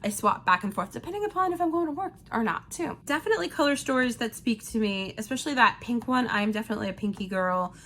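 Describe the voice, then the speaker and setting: A woman with a sick-sounding voice gives a chatty, lively makeup review as a beauty vlogger. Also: on the high side, fast talker, hardly any pauses, slight background noise.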